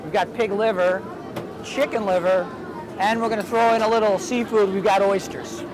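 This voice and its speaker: Hosting a travel show, a man chats casually while sampling street food at an outdoor night market. His voice is high-pitched with fairly even intonation and a moderate pace, set against a noisy, busy crowd chattering around him.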